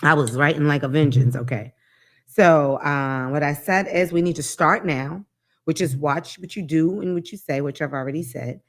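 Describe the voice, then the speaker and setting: A woman hosting a talk show, speaking in a blunt, profane, animated casual monologue. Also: sits low, moderate pace. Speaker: podcast host.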